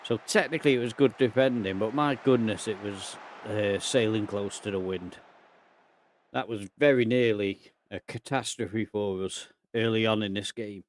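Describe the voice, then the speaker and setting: A man's voice: fairly low pitch, moderate pace, no echo. A man, out of breath, casually commentating over a football management game and thinking aloud as the match plays out. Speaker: video game player and channel host.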